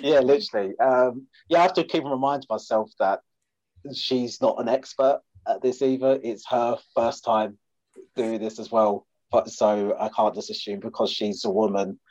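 A man's voice: medium pitch, steady tone, moderate pace, darkish tone, no room sound, highs cut off. A man from Essex with an Essex accent, chatting casually as a comedian guest on a podcast in a jokey, self-deprecating way. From Essex, England. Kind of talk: casual chat.

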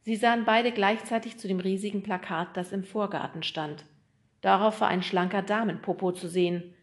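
A woman narrates a children's story in a lively, expressive reading voice. Her pitch sits in a middle range. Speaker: audiobook narrator. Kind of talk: scripted narration of a children's book.

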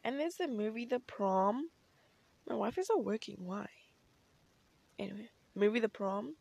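A woman's voice: medium pitch, lively intonation, unhurried, gravelly, a little mellow. A young woman chatting casually as a solo podcast host in a bubbly, gushing, girlish way, peppering her talk with filler words.

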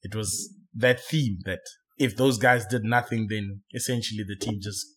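A man hosting a casual football chat, often pausing with fillers and correcting himself. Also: fairly low pitch, steady tone, slightly rough. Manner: hesitant, self-correcting, many fillers. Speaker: podcast host.

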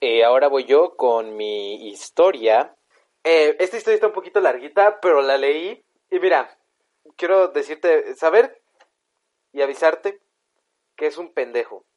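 A man's voice: a little high, measured pace, darkish tone. Young Mexican man, dull lo-fi sound. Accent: Mexican Spanish. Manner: laughing, joking, swears. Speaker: podcast co-host. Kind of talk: casual chat and reading a story aloud.

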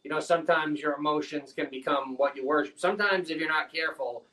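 A man's voice: fairly high pitch, quick pace, recorded from a distance, low-quality recording. Earnest man telling stories, set back from the mic. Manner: animated storytelling, earnest. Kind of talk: casual faith conversation.

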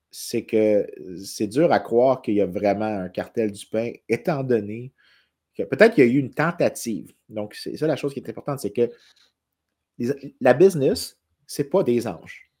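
Un homme à l'accent québécois, coanimateur de balado et économiste, qui explique l'histoire économique avec entrain dans une discussion décontractée. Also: male voice, mid-range voice, measured pace, breathy edge. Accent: Québécois French. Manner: animated explaining, quotes in English. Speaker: podcast co-host, economist. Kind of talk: casual chat.

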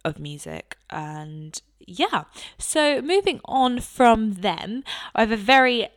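A woman's voice: on the high side, sing-song, slow pace. A British woman hosting a show, talking casually and informally between interviews. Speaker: show host.

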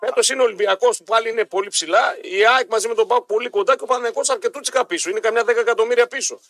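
High-voiced man on sports radio. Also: fairly bright tone, no room sound, clean studio sound. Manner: chatty, repeats himself, reads ad copy. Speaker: radio sports show co-host. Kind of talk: casual sports radio banter. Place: radio studio. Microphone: studio microphone. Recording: radio broadcast with faint music.

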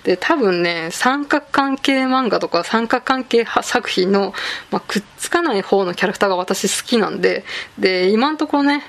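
A woman's voice: mid-range voice, expressive, moderate pace. A woman around forty from Japan's Kanto region hosts a casual solo podcast, talking through a manga review with plenty of fillers and fan asides. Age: late 30s to 40s. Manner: chatty, frequent fillers and asides, self-deprecating fan talk. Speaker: podcast host.

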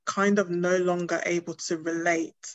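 Her voice is fairly low, moderately paced and shows little pitch movement, captured with no room sound and the highs cut off. She is a clinician of Ghanaian heritage who grew up in Britain, chatting casually and reflectively on a podcast with many fillers and restarts.

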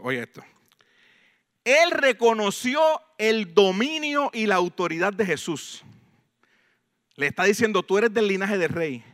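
A man with a Puerto Rican accent preaching a sermon, swinging between loud proclamation and hushed emphasis. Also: high voice. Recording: long hall reverb.

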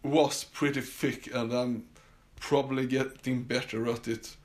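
A Swedish man with a Swedish accent hosts a casual solo podcast from his summer house, speaking with lots of fillers and restarts. His mid-range voice has little pitch movement and runs a little slow.

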